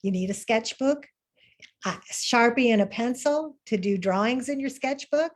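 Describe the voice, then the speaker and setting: Over a video call, a woman teaches an online art class as a webinar lesson, upbeat and encouraging, with fillers and restarts. Her voice is a little high and her speed normal.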